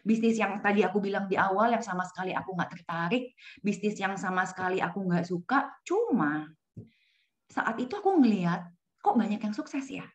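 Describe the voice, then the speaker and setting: A woman's voice: mid-range voice, animated, normal speed. A woman giving a casual business testimonial in a chatty way, dropping in English phrases. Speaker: business presenter. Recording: slightly dull lo-fi sound.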